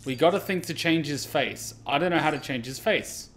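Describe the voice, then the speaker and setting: While playing live, a male gaming streamer comments casually, reads on-screen text, swears, asks questions and exclaims. He speaks at a moderate pace in a fairly high, fairly bright voice over background noise.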